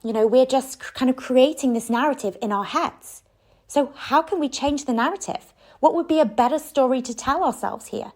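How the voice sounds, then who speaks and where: Higher-pitched woman giving coaching talk. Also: normal speed, a little mellow. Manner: conversational, encouraging, rhetorical questions. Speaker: self-love coach. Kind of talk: reflective coaching talk to the listener.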